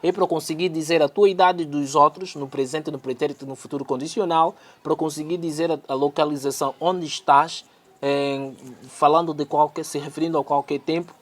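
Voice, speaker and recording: Male teacher with a high voice. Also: fairly even intonation. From Angola. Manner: explains slowly, repeats the English phrases and then translates them. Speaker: English teacher. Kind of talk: online English lesson in Portuguese.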